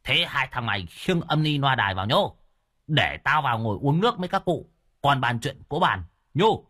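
A man's voice: sing-song, moderate pace, bright, forceful tone, husky, full character voice. A man voicing a mischievous old village man, teasing and cackling in a raised voice. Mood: bossy. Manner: cackling, teasing, high-pitched.

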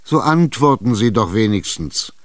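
A man's voice: fairly low pitch, animated, normal speed, no room sound, voice pushed up, lightly acted. A man playing a pushy, exasperated schemer. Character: impatient, scheming middle-aged male buyer. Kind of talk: radio drama reading.

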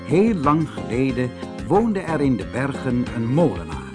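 A man reads a fairy tale aloud as a storybook narrator. His pitch moves lively up and down at a middle register, in an expressive telling. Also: unhurried, music in the background.

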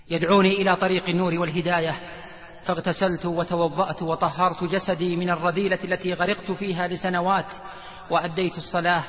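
Preacher, male, high and even voice, earnest dramatic storyteller, recorded in a reverberant hall. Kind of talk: sermon retelling a story. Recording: echoey, dull lo-fi hall recording.

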